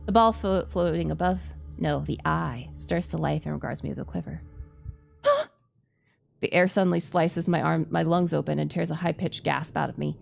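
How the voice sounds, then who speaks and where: With music in the background, a woman streamer dramatically narrates a visual novel's text, occasionally tripping on difficult words and saying them again. She speaks low and fairly quickly, with fairly even intonation, vocal fry and few pauses, and there's a little hiss or hum on the recording.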